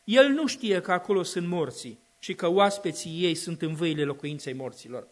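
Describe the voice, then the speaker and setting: A male preacher with a notably high voice delivers a sermon to a congregation. His cadence is emphatic and repetitive, building into loud declaiming passages. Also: animated. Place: church hall with a congregation of a few dozen.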